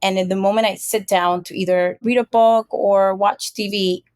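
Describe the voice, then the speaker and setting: A woman from Puerto Rico, a marketing executive guest, telling stories in a chatty, relaxed interview. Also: mid-range voice, normal speed, no room sound. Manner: chatty, storytelling, frequent fillers. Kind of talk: casual interview.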